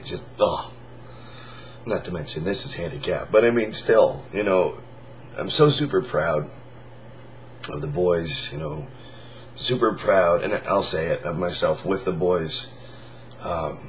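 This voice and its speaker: Deep, hoarse man with almost no voice. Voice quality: raspy, breathy whisper-like hoarseness. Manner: halting, rambling. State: lost voice, forcing air through a strained throat; tired. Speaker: singer in a band, vlogger. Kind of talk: casual solo chat to viewers. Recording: dull lo-fi sound with faint noise.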